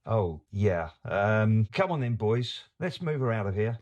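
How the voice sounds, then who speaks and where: An actor playing a flustered, slow-witted police inspector in an audio drama, with a hesitant, bumbling manner. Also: male voice, on the low side, sing-song, a little mellow, dull audio. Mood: sheepish.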